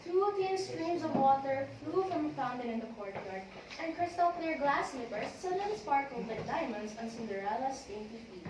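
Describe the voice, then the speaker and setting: A woman narrates scripted storybook text for an amateur readers' theater, her high-pitched voice moving at a moderate pace. The recording is noisy and distant, captured in a very echoey room.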